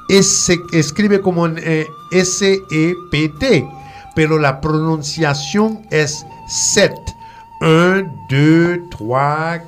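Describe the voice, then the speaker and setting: A man whose first language is French, teaching French pronunciation in a slow, repetitive drill style, over faint music. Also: a little high. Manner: slow, repeats letters and words for pronunciation drills. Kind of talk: radio French lesson.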